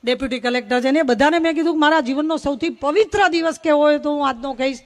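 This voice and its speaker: Middle-aged woman, high voice, folksy humorous speaker at a village stage. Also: fast talker. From North Gujarat. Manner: folksy storytelling with rhythmic rhyming phrases. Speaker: invited speaker at a folk gathering. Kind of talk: humorous public speech.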